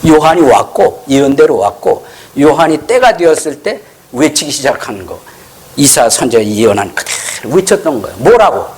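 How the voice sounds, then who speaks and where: A man's voice: medium pitch, sing-song, moderate pace, a little mellow, breathy edge. A man preaching a sermon in a church as pastor, often putting rhetorical questions to the congregation and acting out the scripture dialogue in changing voices.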